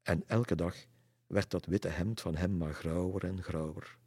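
A man's voice: deep voice, steady tone, unhurried, darkish tone, husky, dry recording, clean studio sound. A man voicing a confused, hesitant young village woman in a storybook. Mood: earnest. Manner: hesitant, puzzled.

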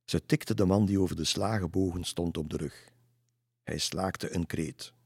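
Calm storybook narrator, deep and slightly husky. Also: male voice, normal speed, dry recording, clean studio sound. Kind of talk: storybook reading.

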